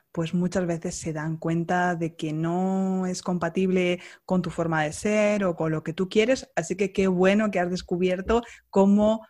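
A woman from Spain, hosting a podcast and interviewing a guest in a friendly, measured way. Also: lowish voice, darkish tone. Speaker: podcast host.

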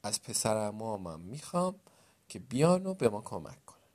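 A practical older brother from a storybook tale, voiced by a male narrator, speaking low and reasonably as he tries to settle things. He sounds patient but worn down. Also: big pitch swings, darkish tone. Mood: giving in. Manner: reasoning, gives in then insists.

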